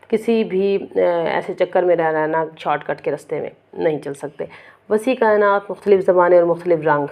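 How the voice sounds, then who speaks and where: A woman's voice: lowish voice, muffled recording. A middle-aged woman giving an earnest religious lecture, exhorting listeners and asking rhetorical questions. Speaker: Quran lecturer.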